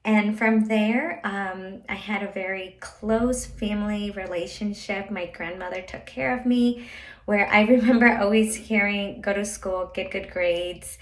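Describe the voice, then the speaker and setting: A woman's voice: mid-range voice, fairly even intonation, a little slow. A woman from El Salvador telling her personal story in a friendly, reflective way. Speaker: guest speaker. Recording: echoey room.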